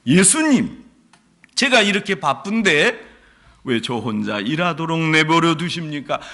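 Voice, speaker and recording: A man's voice: a little high, very animated, measured pace, pushed and bright, heavily acted. A male preacher voicing an exasperated, busy woman who bluntly complains to her guest. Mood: aggrieved.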